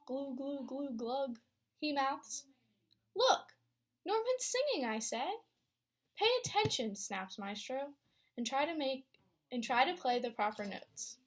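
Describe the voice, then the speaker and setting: Reading a picture book to a class, a young student teacher speaks slowly in a high-pitched voice and pauses often. Her delivery is expressive, and she asks the children questions.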